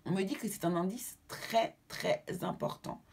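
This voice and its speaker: A woman's voice: mid-range voice, moderate pace, darkish tone, a little hiss or hum. A woman giving a tarot card reading to her viewers, talking reassuringly and often checking in with them. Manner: affectionate sign-offs to viewers.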